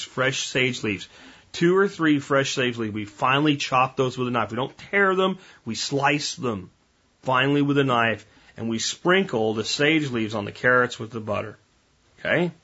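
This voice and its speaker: Male podcast host, casual rambling monologue, bright edge with a husky grain. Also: medium pitch, muffled recording. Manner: folksy, rambling, addresses listeners as guys.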